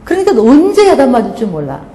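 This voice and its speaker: A woman's voice: a little high, fast talker. A middle-aged woman pastor giving a sermon, telling stories and acting out scolding voices. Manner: animated storytelling, acts out scolding voices. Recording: echoey hall, faint background noise.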